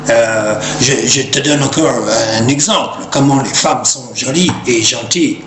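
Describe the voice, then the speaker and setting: An American man from the United States with a mid-range voice speaks slow, halting French mixed with English and calls himself by name in the third person. He delivers a humorous, rambling monologue to camera, and the recording has a roomy echo with clearly audible crowd noise.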